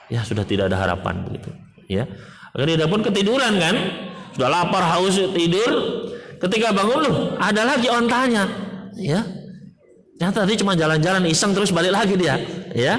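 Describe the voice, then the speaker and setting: Lively male preacher in a reverberant hall. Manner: lively, swings high to act out parents, fills with "ya". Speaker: Islamic preacher. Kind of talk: conversational sermon.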